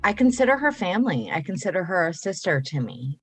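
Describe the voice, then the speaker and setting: A woman interviewed as a close friend, telling animated anecdotes in casual talk. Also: lowish voice, fairly quick, breathy edge, no room sound, faint music behind.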